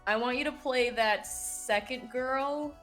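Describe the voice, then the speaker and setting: A woman's voice: sits high, slow pace, fairly bright tone, faint music behind. A young woman streaming a game, chatting casually and giggling as she reads the lines aloud.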